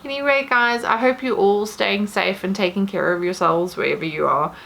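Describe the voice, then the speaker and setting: A woman's voice: medium pitch, moderate pace, creaky, fairly bright tone. A woman vlogger chatting casually to camera from her bedroom at home, rambling in a self-deprecating way.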